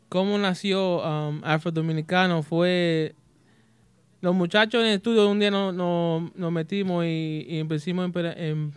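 Speaking Spanish as an English native, this male musician stumbles and restarts as he chats on a radio show, mixing in English phrases. The studio interview is casual, and his slightly high, smooth voice is recorded without any room sound.

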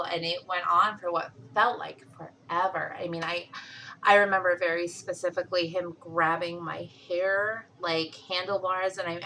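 A woman's voice: on the low side, bright, forceful tone, a little hiss or hum, poor audio. A young adult woman speaking candidly and bluntly in casual conversation, swearing freely as she tells her own story.

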